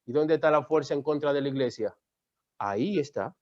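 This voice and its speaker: A man's voice: a little high, fairly quick, a little mellow, dry recording, muffled recording. A man preaching a sermon as pastor, emphatic and repetitive, calling on listeners to repeat after him. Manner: emphatic preaching with repeated calls for the congregation to answer.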